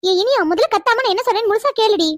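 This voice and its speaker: A woman doing a bossy, rapid-fire young woman. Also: very high voice, expressive, no echo, clean studio sound. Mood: lecturing. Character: bossy practical young woman Vino, scolding her friend. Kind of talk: animated cartoon dialogue.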